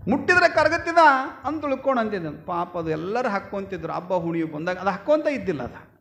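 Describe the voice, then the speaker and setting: A man giving a storytelling sermon as a swami, swinging between loud exclaiming and low murmuring. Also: sing-song, fast, gravelly. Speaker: swami preacher.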